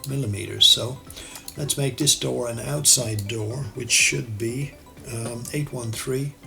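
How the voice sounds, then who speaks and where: A gravelly-voiced Irish architectural designer narrates a screen-recorded CAD software tutorial, relaxed and thinking aloud while he works, correcting himself as he goes. His voice is mid-range and a little slow, with faint music behind the voice-over.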